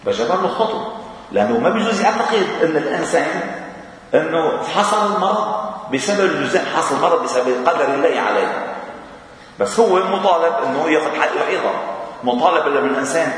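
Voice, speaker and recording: A man with a Levantine Arabic accent preaches in a casual, conversational way, often chuckling and tossing out questions to his listeners. His voice booms around a large, echoing hall with a long reverb tail. He sounds set back from the microphone. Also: animated, fast, pauses often, a bit bright. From Lebanon. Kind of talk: informal mosque talk. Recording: echoey hall, mic far off.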